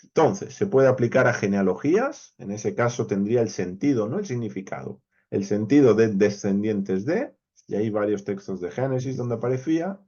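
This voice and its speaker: A man's voice: on the low side, expressive, normal speed, a little mellow, lo-fi sound. A man with a Spain Spanish accent, teaching a verse-by-verse Hebrew Bible lesson. He explains step by step, counts letters aloud and checks in often with his listeners.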